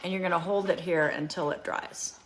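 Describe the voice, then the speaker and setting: A woman in her fifties hosting a casual beauty product demonstration, chatty and often pausing on "um". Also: fairly low pitch, fairly even intonation. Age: 50s. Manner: chatty, with frequent ums. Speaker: beauty show host.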